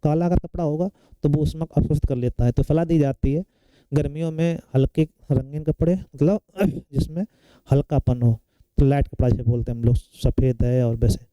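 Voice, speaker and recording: A male science teacher lectures a class of competitive-exam students, working through questions step by step and often tossing in short tag questions to check they're following. His voice is medium-pitched, smooth and mellow, and he speaks briskly. The recording is dry but rough.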